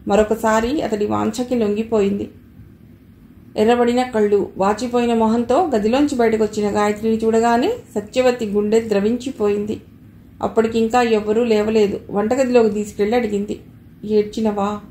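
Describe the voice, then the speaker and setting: A woman narrating a novel for an audiobook in steady, measured storytelling. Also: on the high side. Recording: roomy with faint hiss.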